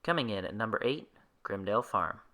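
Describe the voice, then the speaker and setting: A man putting on a deep countdown announcer voice to introduce each list entry. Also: expressive, brisk, pushed and bright. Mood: announcing.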